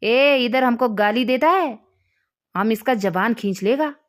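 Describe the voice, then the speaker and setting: Brief: woman voicing a burly Pathan traveler, slow and taunting, broken speech. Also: fairly high pitch, lightly acted. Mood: mocking threats. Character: gruff Pathan man, mocking and threatening.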